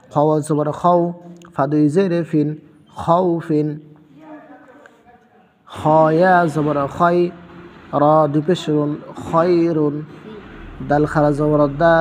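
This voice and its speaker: A man's voice: fairly high pitch, in a large hall, a little hiss or hum. A man teaching a Quran reading lesson, patiently spelling out letter sounds one by one and repeating them.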